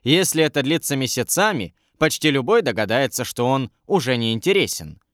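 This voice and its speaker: A polite young royal adviser in an audiobook, measured and courteous, in a man's plain mid-range voice, as the narrator puts him on. His voice is lively and expressive, recorded dry and close. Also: medium pitch, no room sound. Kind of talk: audiobook character reading.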